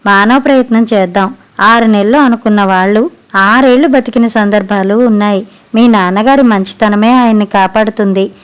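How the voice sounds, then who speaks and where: A woman voicing a calm, kind male doctor in a storybook reading, speaking in a measured, gentle way. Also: mid-range voice, clear, resonant tone, close to an everyday voice. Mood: reassuring.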